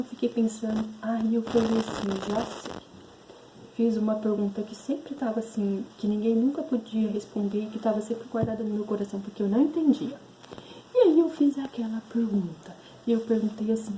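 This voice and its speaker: Woman, 30s, deep mellow tone, chatty rambling storyteller who corrects herself. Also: a little fast, slight background noise, rough recording. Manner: rambling, self-correcting, re-enacts inner voices. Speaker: spiritual channel host. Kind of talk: casual personal storytelling.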